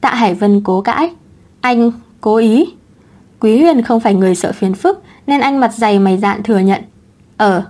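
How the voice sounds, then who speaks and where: Woman host reading a romance story, steady and even. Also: medium pitch, quick pace, few pauses. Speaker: audiobook narrator. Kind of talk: scripted story narration.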